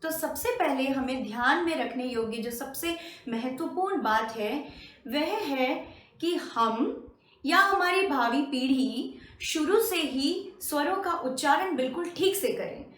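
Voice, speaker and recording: A high-voiced woman teaches a lesson at an unhurried pace, sounding out each syllable with deliberate care. She repeats sounds patiently, as if coaching pupils to copy her. The recording has a noticeable roomy echo. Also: expressive, a bit bright. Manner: drawn-out careful pronunciation drills, repeating sounds. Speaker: Hindi teacher. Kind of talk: slow spoken language lesson.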